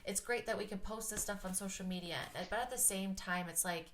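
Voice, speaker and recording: A woman in her late thirties hosting a podcast, chatting frankly, swearing freely and thinking out loud with lots of likes. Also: mid-range voice, a little fast, slight background noise. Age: 30s. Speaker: podcast host. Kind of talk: casual chat.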